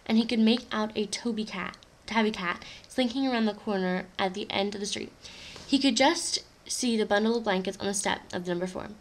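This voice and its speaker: A woman reading a novel aloud in an amateur way, stumbling over words and correcting herself. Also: a little high. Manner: blunt, unimpressed in her own comments. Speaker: reader.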